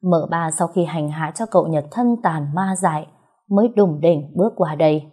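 Woman narrating a story in a dark, husky voice. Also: low-pitched, normal speed.

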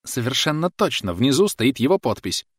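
A male narrator voices a prim, indignant female schoolteacher, pitching her well above his own register. Her outraged speech is shrill, huffy and breathy-edged, swinging widely and sing-song at a normal speed. The recording is dry and close.

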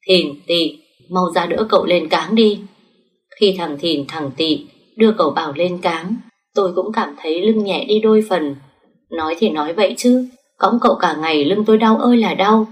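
A woman's voice: fairly low pitch, darkish tone, distant mic. A woman narrating a story in the first person, reading the dialogue with small shifts of voice.

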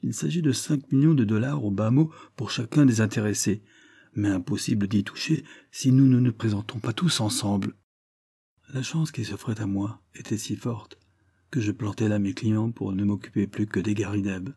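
Man doing a slick con man, earnest and persuasive, husky dry voice. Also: fairly low pitch, moderate pace, mellow, dry recording. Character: smooth-talking adult male con man.

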